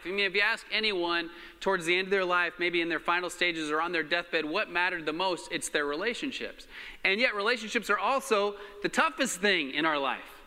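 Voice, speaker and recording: Guy preaching at a pulpit mic, smooth clear voice, lots of uh's, big echoey church hall. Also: high voice. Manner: relaxed, halting, with many fillers. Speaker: pastor. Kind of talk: sermon.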